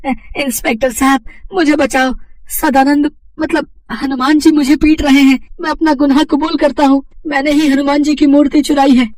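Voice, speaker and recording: A man voicing a greedy, cowardly brother-in-law who stole an idol and pleads in a shrill, panicked way. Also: sing-song, a little slow, husky, dry recording, far from the mic, exaggerated voice.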